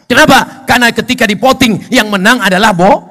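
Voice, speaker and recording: A middle-aged Indonesian man preaching a sermon to a gathering, swinging from shouting to low joking asides. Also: brisk.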